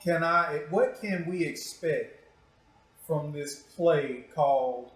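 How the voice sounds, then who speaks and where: An American man hosting a show conducts an interview in a casual, joking way, using teasing, provocative slang. His voice is on the high side and he speaks slowly, in an echoey, reverberant room.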